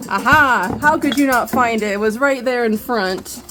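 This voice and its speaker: A woman's voice: on the high side, moderate pace. A woman hosting a casual cooking vlog, teasing and giggling a lot. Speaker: vlog host.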